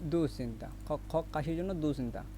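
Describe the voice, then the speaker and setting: Male language teacher, high voice, drills words by repeated question and answer, faint hum behind. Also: fast talker. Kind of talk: recorded vocabulary lesson with memory tricks.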